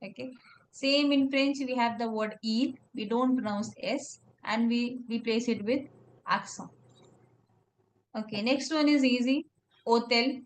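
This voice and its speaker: A woman's voice: on the high side, a little slow, a little hiss or hum. A woman teaching French one-on-one, patiently spelling words out letter by letter and saying "okay" often. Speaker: French tutor. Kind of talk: one-on-one language lesson.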